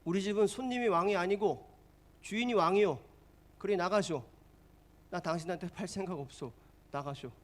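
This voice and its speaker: A gruff, stubborn middle-aged restaurant owner, put on by a preacher, sounding curt and defiant. The voice sits a little high and pushes louder than the preacher's own speech. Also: male voice, fast talker, pauses often, close to an everyday voice.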